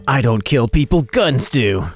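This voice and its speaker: Wary young woman, read by a man deadpan. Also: medium pitch, measured pace, soft background music, natural voice.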